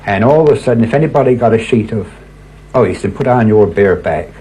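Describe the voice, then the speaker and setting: An older man, a local resident and court usher, earnestly tells anecdotes from his experience, acting out conversations with repeated "he said" and "she said." His low-ish voice is warm and husky, brisk with lively intonation, though the audio is poor.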